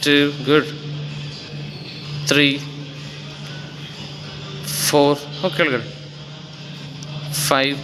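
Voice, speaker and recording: A male fitness trainer with a medium-pitched voice coaches a client through a gym workout, encouraging her, counting reps and cueing her breathing. The recording is low quality.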